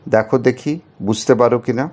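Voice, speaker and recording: A man's voice: mid-range voice, fairly even intonation, brisk, a little mellow, a little hiss or hum. A man teaching a children's spelling lesson, patiently spelling words out letter by letter and asking the viewers questions.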